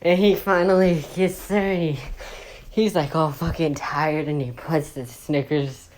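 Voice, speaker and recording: Brief: woman, deep voice, slow, profane casual storyteller. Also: fairly even intonation, a little mellow, a little hiss or hum. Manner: rambling, profane, with fillers and restarts.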